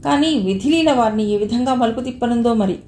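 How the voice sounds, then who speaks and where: A woman's voice: fairly high pitch, brisk, a little hiss or hum. Woman storyteller in an echoey room. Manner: smooth, steady storytelling. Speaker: narrator. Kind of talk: reading a novel aloud.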